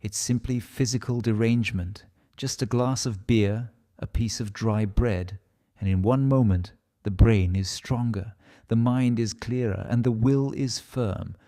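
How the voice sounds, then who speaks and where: A man's voice: on the low side, measured pace, few pauses, warm tone. A man with a Russian accent voicing an agitated, self-loathing, brooding man in an audiobook, in exclamatory, hesitant self-talk. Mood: hopeful, scornful.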